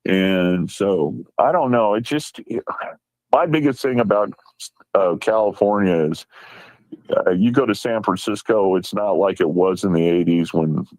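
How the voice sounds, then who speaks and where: A man's voice: sits low, unhurried, darkish tone, no room sound, low-quality recording. A man guest chatting casually, telling a rambling anecdote and acting out the quoted lines. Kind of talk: casual chat.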